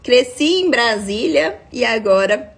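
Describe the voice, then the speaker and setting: Husky-voiced woman explaining. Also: on the high side, animated, unhurried. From Minas Gerais, Brazil. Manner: explanatory, checks in with frequent tag questions. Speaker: nutritionist. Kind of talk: live-stream talk reading viewer comments.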